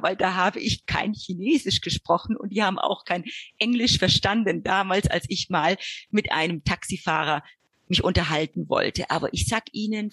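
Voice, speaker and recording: A husky-voiced middle-aged woman from Argentina, working in early childhood education. She speaks earnestly in a dry, close sound, laying out her points with lists and examples, at a medium pitch. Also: fairly bright tone, no echo. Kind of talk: interview answers.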